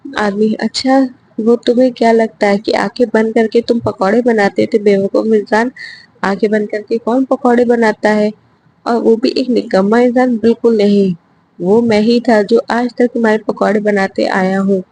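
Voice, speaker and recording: A woman's voice: on the high side, fairly even intonation, moderate pace, a little mellow, a little hiss or hum, natural voice, poor audio. A woman voicing a small, rat-like male magic creature who teasingly calls people "miyan", in a storybook reading. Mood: cheeky.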